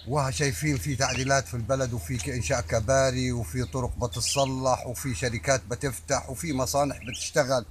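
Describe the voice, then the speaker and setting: A man's voice: medium pitch, background noise. An older man with an Egyptian Arabic accent speaks off the cuff in an emphatic, repetitive way, stumbling over words as he addresses the public. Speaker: army veteran giving his opinion. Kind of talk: impromptu monologue addressed to the public.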